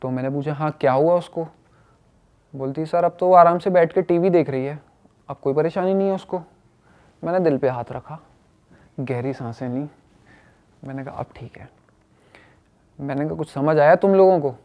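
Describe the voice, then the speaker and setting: Young guy telling a story, kinda high voice, animated, does the voices. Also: moderate pace, pauses often, muffled recording. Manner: animated, acts out quoted speech. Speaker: guest telling a personal story. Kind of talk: casual storytelling.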